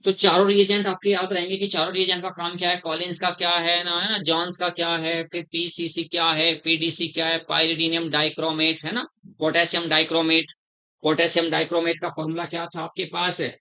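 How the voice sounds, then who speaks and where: A middle-aged man teaching a chemistry class, slowly repeating terms, quizzing his students and calling them "beta". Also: a little high, completely flat delivery, bright, forceful tone, clear, resonant tone, rough recording. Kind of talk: classroom lecture.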